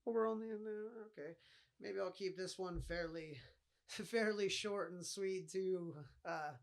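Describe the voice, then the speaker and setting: Brief: fairly high-voiced nasal man, loose profane podcast monologue. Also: unhurried, gravelly. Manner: rambling, swears often. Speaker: podcast host. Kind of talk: casual solo podcast monologue.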